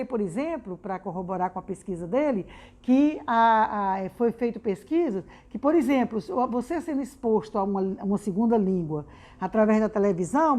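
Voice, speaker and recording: A Brazilian woman gives an informal educational talk. She tacks a tag question onto nearly every phrase and often repeats a word before she goes on. Her voice sits a little higher than most women's. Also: mellow. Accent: Brazilian Portuguese. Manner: frequent restarts and repeated words.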